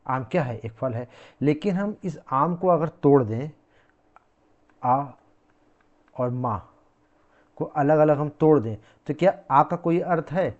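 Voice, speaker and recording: A man's voice: medium pitch, darkish tone, highs cut off. A man giving a classroom lecture, repeating key words and asking the class questions he then answers himself. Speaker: teacher.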